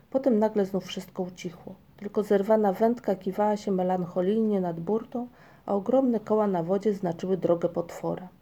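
A woman reads a children's tale aloud at a measured pace. Her voice is very dark and mellow, with a gravelly fry under the words. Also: medium pitch. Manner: measured storytelling. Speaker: audiobook narrator. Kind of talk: scripted narration.

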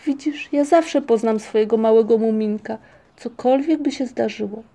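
A composed, kind troll mother with a gentle, mellow, slightly raised voice, as a woman puts her on for a storybook. She speaks with quiet seriousness. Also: on the high side, normal speed, close to an everyday voice.

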